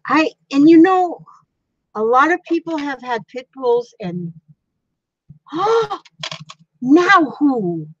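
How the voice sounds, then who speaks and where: Older woman, craft streamer, slow unhurried chat, dry dull-sounding home mic. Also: high voice, animated, no echo. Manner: chatty, gushing thanks to viewers with frequent gasps. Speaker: craft livestream host. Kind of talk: casual live-stream chat while sewing.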